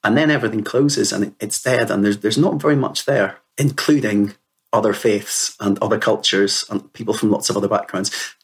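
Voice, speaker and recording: A man in his fifties from Northern Ireland, with a fairly low, slightly breathy voice at a moderate pace. As an interview guest he tells personal stories earnestly and conversationally, reflecting as he goes and peppering his talk with "you know."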